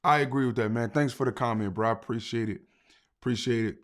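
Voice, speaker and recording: Animated philly sports-talk host, man. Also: medium pitch, fast talker. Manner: animated, repetitive, asks "right?" often. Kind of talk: casual sports talk, reading chat comments.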